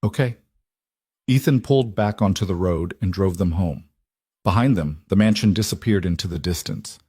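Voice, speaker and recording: A man narrating a dramatic story in an even, measured scripted reading. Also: low voice, breathy edge, no room sound, clean studio sound.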